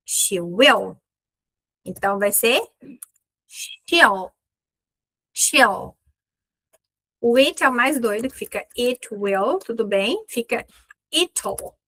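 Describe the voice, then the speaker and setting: A Brazilian woman teaches an online English lesson at a deliberately slow pace. Her voice is bright and clear. She comes through close and dry, with little room sound. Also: fairly high pitch, no echo, rough recording. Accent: Brazilian Portuguese. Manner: slow, patient explaining with drawn-out pronunciation drills.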